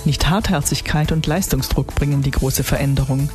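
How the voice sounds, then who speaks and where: A woman's voice: deep voice, normal speed, a little mellow, soft background music. A woman delivering a scripted devotional reflection for church radio.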